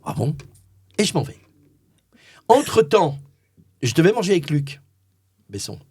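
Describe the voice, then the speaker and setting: A middle-aged French man, a voice-over artist, telling a story in an animated, theatrical way and acting out the dialogue. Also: a little high, a little slow, husky, no room sound, studio quality. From France.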